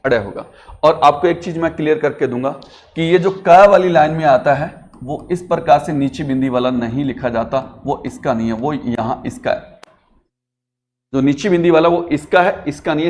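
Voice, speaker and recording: Man, classroom grammar teacher, somewhat high voice, quizzes students constantly as he explains. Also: a little mellow. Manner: explains step by step with frequent quiz questions. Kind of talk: classroom lecture.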